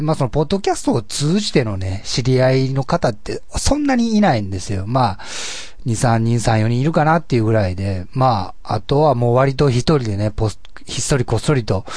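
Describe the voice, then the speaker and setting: A man with a husky, gravelly voice, chatting casually and politely as a solo podcast host. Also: medium pitch, sing-song, a little fast, a little mellow, no echo. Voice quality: husky, gravelly voice, often taken for having a cold. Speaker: podcast host and amateur musician.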